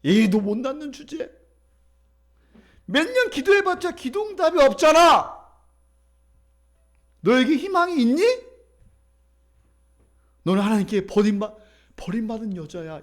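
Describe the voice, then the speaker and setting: A man's voice: extremely high pitch, sing-song, a little slow, long pauses, voice pushed up, heavily acted. A man voicing a spiteful rival wife who mocks a childless woman in a scornful tone. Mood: taunting. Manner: mocking, scornful.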